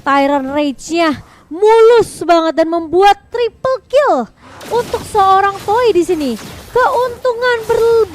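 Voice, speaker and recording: Very high-pitched female esports caster. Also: animated, slow. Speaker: esports shoutcaster. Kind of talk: live mobile game match commentary.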